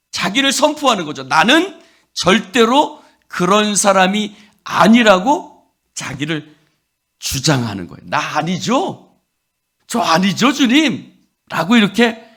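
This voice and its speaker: Man, pastor, dawn sermon; expressive, wide-ranging delivery, acts out quoted lines, fairly high pitch. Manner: acts out quoted disciples with rising intensity; leads the congregation in repeating lines.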